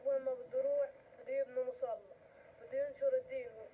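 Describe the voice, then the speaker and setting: A man's voice: extremely high pitch, flat delivery, fast, mellow, slight background noise, rough recording. A young boy with a Gazan Palestinian accent, answering questions in a street interview.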